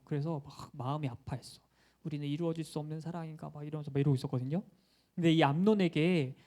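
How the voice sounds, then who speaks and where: A man's voice: a little high, dark tone. A young male pastor giving a playful children's sermon, asking questions and acting out quotes.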